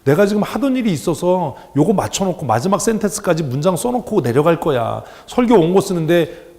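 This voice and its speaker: A man preaching a sermon as pastor in a church, animated and joking, acting out the voices he quotes. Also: high-pitched, brisk. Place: church sanctuary. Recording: church hall with long reverb.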